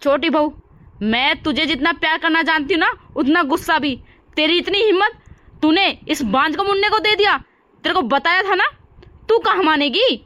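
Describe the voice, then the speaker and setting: A woman's voice: very high-pitched, normal speed, bright, forceful tone. Woman doing a harsh scolding mother-in-law. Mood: angry.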